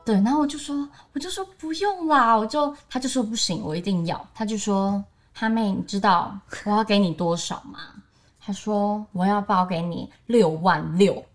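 A woman's voice: mid-range voice, expressive, moderate pace, soft background music. A young woman in her twenties with a Taiwanese Mandarin accent, co-hosting a podcast and telling a story in casual chat, quoting her friends in livelier voices. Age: 20s. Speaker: podcast co-host.

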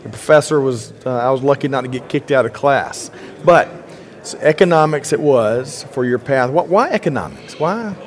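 A man's voice: medium pitch, animated, moderate pace. A man hosting a podcast interview at a conference expo, upbeat and chatty with frequent fillers. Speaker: podcast host.

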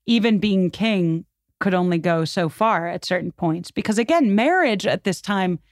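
With lively intonation and a medium pitch, a woman guest on a podcast explains history at a normal pace, casual and chatty, with many filler words. The studio-quality recording carries no room sound.

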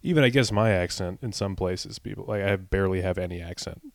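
A man's voice: deep voice, fast, vocal fry, dry recording, studio quality. A young man from the Northeastern US with a slight Long Island accent, co-hosting a casual comedy chat in an easygoing way. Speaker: comedian podcast co-host.

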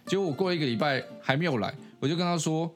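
A man's voice: fairly high pitch, rapid-fire. A young man from Taiwan co-hosting a podcast, telling stories bluntly with swearing and acted-out quotes. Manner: blunt, swears, acts out complaints. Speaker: podcast co-host. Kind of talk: casual chat. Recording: faint guitar music behind.

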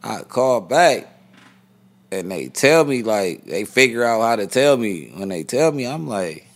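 A male guest rapper tells a story in a casual interview, using heavy slang, acting out the quoted dialogue, and repeating "you know what I mean." His medium-pitched voice has a sing-song lilt and a slightly slow pace.

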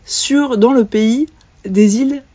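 A woman's voice: a little high, slow, mellow, husky, dull audio. A woman co-hosting a podcast, reacting playfully in casual chat. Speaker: podcast co-host.

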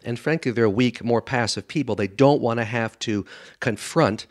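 A medium-pitched man speaking at normal speed, he's a doctor and author serving as a radio show's guest expert. His conversational replies are blunt and emphatic, and he acts out what others have said.

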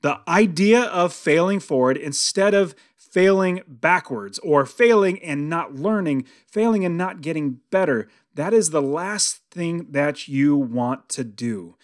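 An American man in his early 40s, with a slightly high voice, hosts a podcast and coaches listeners on real estate investing. He sounds animated and keeps a measured pace, speaking conversationally and motivationally with emphatic stress and repeated phrases to hammer points home.

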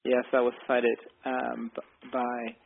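A man hosting a podcast in casual chat, speaking haltingly and repeating himself. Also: medium pitch, completely flat delivery, creaky, slight background noise. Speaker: podcast host. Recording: tinny, phone-like band-limited sound.

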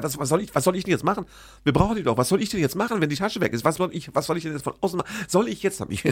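Gravelly, animated man telling a story. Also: fairly high pitch, dry recording, clean studio sound. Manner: animated, self-deprecating, acts out dialogue. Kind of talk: casual storytelling monologue.

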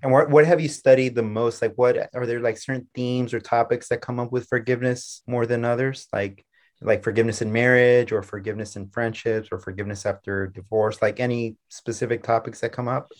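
A man's voice: mid-range voice, fairly even intonation, a little fast. A man hosting a faith podcast, talking casually with plenty of "um" and "like" as he interviews a guest. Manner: friendly and casual, frequent "um" and "like". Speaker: podcast host.

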